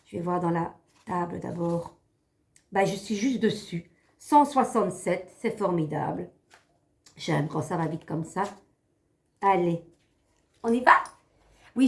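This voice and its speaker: A woman tarot reader talking straight to her viewers in a chatty, theatrical live stream. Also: lowish voice. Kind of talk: live stream card reading.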